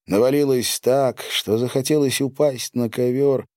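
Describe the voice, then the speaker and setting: A man narrating an audiobook with an expressive reading. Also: medium pitch, normal speed, no room sound, clean studio sound.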